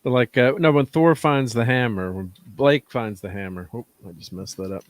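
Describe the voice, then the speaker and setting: A man hosting a casual chat about comics, rambling and halting, often laughing. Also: mid-range voice. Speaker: host.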